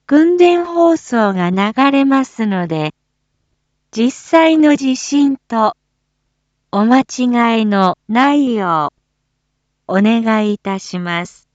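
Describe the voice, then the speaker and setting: A woman making a formal municipal disaster-radio announcement in the style of an outdoor loudspeaker, phrase by phrase with long pauses. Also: on the high side, no echo, dull audio. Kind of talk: formal public-address announcement.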